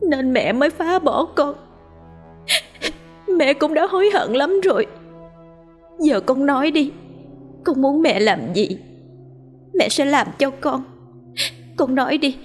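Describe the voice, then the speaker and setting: A woman's voice: sits high, pitched above the performer's own voice. A woman voicing a remorseful young wife who pleads through tears in a ghost story. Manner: tearful, begging.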